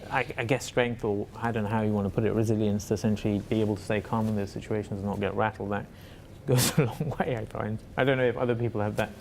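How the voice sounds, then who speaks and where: A man's voice: lowish voice, level tone, fast talker, creaky, few pauses, darkish tone, slight background noise. A man talking as an interview guest about his work as a facilitator, in a reflective and hesitant way with many fillers and restarts. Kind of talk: reflective conversational answer.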